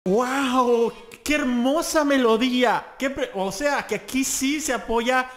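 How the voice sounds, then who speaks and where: A young Latin American man hosts a music reaction, his very high, slightly bright voice moving slowly as he gushes with exclamations. He points out singing technique while a song plays faintly in the background.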